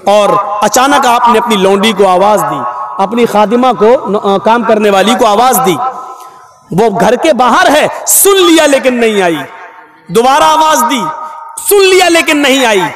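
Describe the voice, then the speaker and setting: A man preaching a dramatic sermon, telling a story and acting out the voices in it. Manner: dramatic, swings from shouts to low acted voices. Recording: echoey hall sound.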